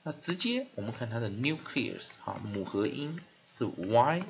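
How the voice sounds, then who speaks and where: A man explains English spelling and pronunciation, repeating each syllable slowly. His voice has a gravelly texture. The recording is dull and lo-fi with a faint hiss underneath. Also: medium pitch, sing-song. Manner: drawn-out repeated demonstration of word sounds, many filler "ah"s. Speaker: English teacher. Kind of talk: spelling and phonics lesson.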